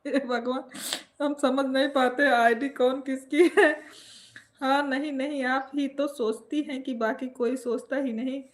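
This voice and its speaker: A woman's voice: high voice, fairly even intonation, takes it slowly. Playful woman hosting a live stream. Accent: Awadhi. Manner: playful teasing, greets viewers by name. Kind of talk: casual live-stream chat reading viewer comments.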